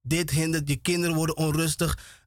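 A man gives a radio sermon in a fairly high voice. He talks emphatically and repeats himself, stumbling and restarting words as he goes. The sound is dry and close, with no room around it. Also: flat delivery, a little fast, dry recording. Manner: emphatic, repetitive, with frequent restarts. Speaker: radio preacher.

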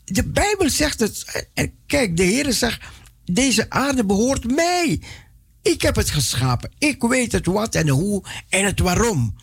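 Fervent preaching man with a gravelly voice. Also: high-pitched, big pitch swings, measured pace, dry recording, clean studio sound. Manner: impassioned, repetitive, many restarts and stumbles. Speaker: radio evangelist. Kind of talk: preaching on radio.

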